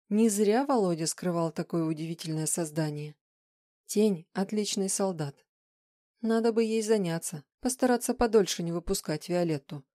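A woman reading a novel aloud as a narrator, in measured storytelling. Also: medium pitch, dark tone, dry recording, clean studio sound. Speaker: audiobook narrator. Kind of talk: scripted narration.

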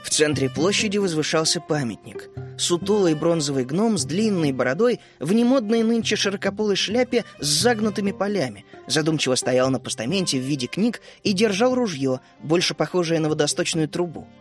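A man reading a children's fantasy audiobook aloud as an expressive first-person narrator, in a studio. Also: fairly high pitch, a little fast, soft background music. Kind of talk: scripted narration.

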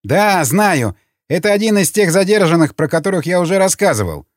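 Jittery male informer, high and rushed, pleading and insistent, as a narrator puts him on. Storybook. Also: sing-song, dry recording, studio quality. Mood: agitated. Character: excitable male prisoner, nervous informer.

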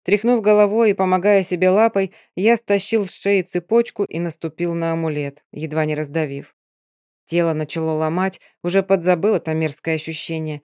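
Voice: medium pitch, a little mellow, clean tone, no room sound. Dry, close audiobook narrator.

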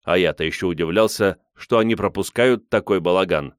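A man narrating a story as an audiobook in a wry, lively storytelling manner. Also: low-pitched, fairly quick, clean tone, no room sound, clean studio sound.

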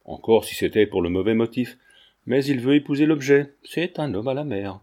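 A sly young gentleman who teases his mistress with easy, mocking charm, as a male audiobook reader puts him on. The voice is mellow and warm, at a middling pitch, and it keeps a light, amused edge throughout. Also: moderate pace, natural voice. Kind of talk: audiobook character reading.

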